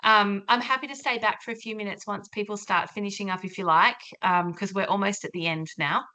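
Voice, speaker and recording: A woman's voice: mid-range voice, fairly even intonation, fairly quick, bright, forceful tone. An Australian woman lecturer running an online orientation session in a chatty, informal way over a video call. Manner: chatty, friendly, loose and informal.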